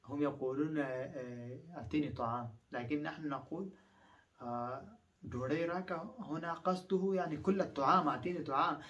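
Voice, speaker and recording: A man's voice: a little high, brisk, a bit bright, distant mic, highs cut off. A man from Afghanistan whose first language is Pashto, teaching phrases in a lesson and repeating each one several times with patient explanations.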